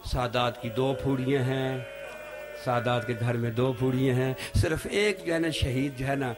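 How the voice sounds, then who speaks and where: A man's voice: mid-range voice, fairly even intonation, over music. Man preaching a lamenting mourning sermon. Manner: dramatic, lamenting storyteller with wailing cries. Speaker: Shia religious scholar.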